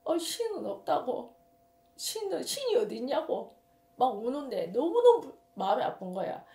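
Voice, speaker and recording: Echoey Gyeongsang-accented woman storyteller. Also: mid-range voice. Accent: Gyeongsang Korean. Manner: emphatic, rambling, repeats words. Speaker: shaman. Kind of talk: casual storytelling monologue. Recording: roomy echo.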